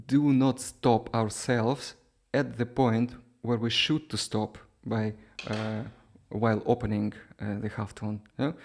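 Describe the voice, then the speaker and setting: This duduk teacher speaks English as a second language, his mid-range voice slightly mellow. The lesson is informal and instructional, delivered in a hesitant, explanatory manner with little questions to check understanding.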